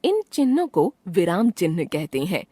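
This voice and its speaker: A woman narrating a scripted grammar lesson in a precise, measured textbook-reading manner. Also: fairly low pitch, very animated, warm tone, husky, no echo, clean studio sound.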